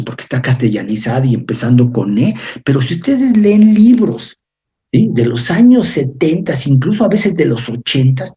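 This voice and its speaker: A man's voice: mid-range voice, warm tone, breathy edge. A man giving a university physiology lecture, explaining step by step and often checking in with his students. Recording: dull lo-fi lecture recording.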